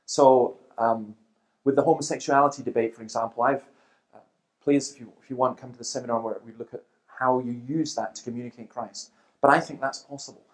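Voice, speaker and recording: Animated man telling stories. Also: mid-range voice, low-quality recording. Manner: animated storyteller, acts out quotes. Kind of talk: seminar talk with anecdotes.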